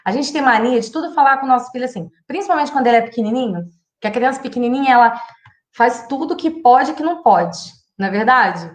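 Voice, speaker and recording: A woman's voice: fairly high pitch, expressive, fast talker. Chatty Brazilian woman, echoey room. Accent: Brazilian Portuguese. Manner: chatty and direct, acts out sample phrases to children. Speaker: psychologist. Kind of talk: live-streamed parenting advice talk.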